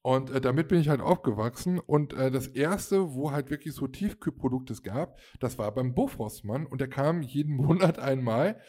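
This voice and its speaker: A man's voice: medium pitch, animated, normal speed, hardly any pauses, warm tone. A man in his thirties casually telling a long anecdote, rambling with fillers and acting out the people he quotes. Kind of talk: casual storytelling chat.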